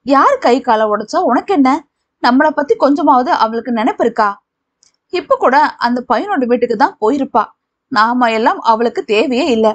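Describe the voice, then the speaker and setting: A woman voicing a feisty old grandmother who quarrels loudly and dramatically. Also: lively intonation. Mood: quarreling. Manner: shrill, quarrelsome, quick.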